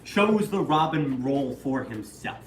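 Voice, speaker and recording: A young man co-hosts a livestream in a medium-pitched, animated, unhurried voice, with slight background noise. He's enthusiastic and talkative in casual chat, swearing easily and acting out characters, recorded in an echoey room with the mic at a distance.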